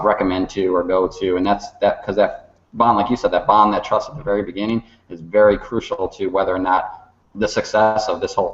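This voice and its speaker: A man speaking as a guest on an online panel, earnest and halting, often restarting his sentences. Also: low-pitched. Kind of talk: casual panel discussion. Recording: echoey lo-fi call audio.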